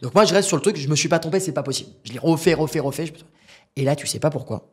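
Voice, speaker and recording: A young man with a husky edge in his voice tells a story at a brisk clip, acting out every character's lines. He is a podcast guest sitting across from the host and keeps talking straight to him, slangy and animated. His voice sits a little high for a man. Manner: animated, acts out dialogue, uses slang and asides to the host. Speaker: guest, business founder.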